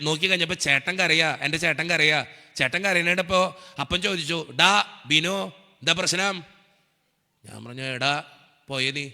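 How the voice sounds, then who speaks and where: A young Malayali priest preaches at a rapid clip, his voice bright and cutting as he tells a story from his own life. He plays out every exchange with earnest feeling. His words ring out with a long reverb, as in a church hall. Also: a little high. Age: young adult. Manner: earnest storytelling, acts out dialogue. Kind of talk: emotional sermon testimony.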